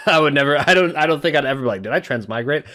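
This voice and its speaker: A man's voice: on the high side, fast talker, pushed and bright. A young man giving informal, sweary, blurted commentary as he watches an anime. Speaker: reaction video host.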